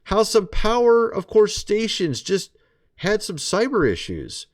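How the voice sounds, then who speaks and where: Sarcastic man with a lively voice. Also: high-pitched, a little slow. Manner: sarcastic, chatty, keeps addressing listeners as folks. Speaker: vlogger. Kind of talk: casual commentary monologue.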